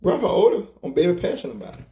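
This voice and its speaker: A man's voice: high-pitched, sing-song, very fast, dark tone. A man co-hosting a casual interview, earnest and preacherly, repeating himself for emphasis. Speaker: co-host, comedy skit creator.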